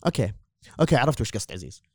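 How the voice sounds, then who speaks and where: A man's voice: mid-range voice, big pitch swings, very fast, a little mellow, dry recording, studio quality. A man hosting a casual podcast chat, easygoing and moving the talk along. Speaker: podcast host.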